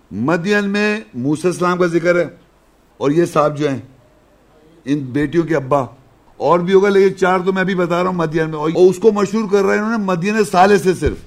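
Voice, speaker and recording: A man with a fairly high voice teaches a scripture lesson, walking his listeners through each verse. He speaks in a chatty, explaining way, often posing questions and answering them himself. Now and then he slows down to chant a verse. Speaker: religious teacher.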